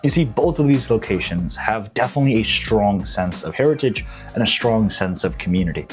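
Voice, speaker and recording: A man's voice: fairly low pitch, expressive, a little fast, soft background music. A young man from Nepal, a real estate agent, talking up local suburbs in a casual, upbeat and slangy promotional vlog.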